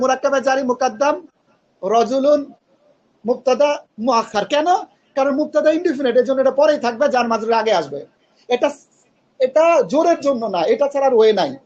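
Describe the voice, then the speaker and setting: A man's voice: extremely high pitch, a little fast, a little mellow, muffled recording. A man teaching Arabic grammar in an online class, patiently quizzing his students and mixing in English terms.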